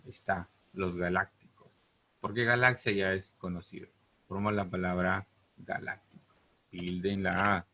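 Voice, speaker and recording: A man's voice: low voice, bright, forceful tone. A man teaching a class on word roots, who stretches out key words and keeps checking in with "¿correcto?" and "¿te das cuenta?". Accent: Peruvian Spanish. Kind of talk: classroom lesson on Greek roots.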